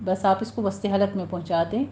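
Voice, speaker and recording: A woman teaching a tajweed lesson, patiently explaining pronunciation rules and slowly repeating words for her students to practice. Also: mid-range voice, fairly even intonation, dark tone, slight background noise. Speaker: Quran recitation teacher.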